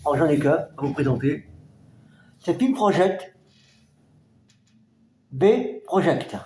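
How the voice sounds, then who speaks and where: A man from France casually presenting his record collection, halting and hesitant, with many fillers. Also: a little high, expressive, a little mellow, roomy sound. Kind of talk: casual collection show-and-tell.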